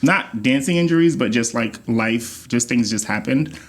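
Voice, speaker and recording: A man from the Bahamas co-hosting a podcast in casual conversation. He talks in a playful, animated way, teasing and joking with his partner. His voice sits at an everyday middle pitch. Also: moderate pace. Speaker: podcast co-host. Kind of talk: casual chat.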